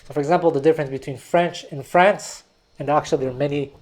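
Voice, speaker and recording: This Quebec-born music teacher and video host, a native Taiwanese speaker, talks quickly in a somewhat high, slightly mellow voice with fairly even intonation. His history lesson is thoughtful and wandering, and he frequently restarts words.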